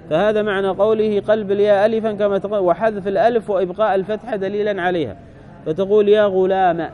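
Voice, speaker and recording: A man with a notably high voice leads a classical grammar lesson. He reads a passage aloud, then explains it in a measured, patient way. He often stops to check that his listeners follow. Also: darkish tone, slight background noise. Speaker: Arabic grammar teacher.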